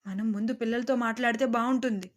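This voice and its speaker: A woman voicing a calm middle-aged father trying to settle a quarrel. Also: fairly high pitch, quick pace, lightly acted. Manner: calm, conciliatory.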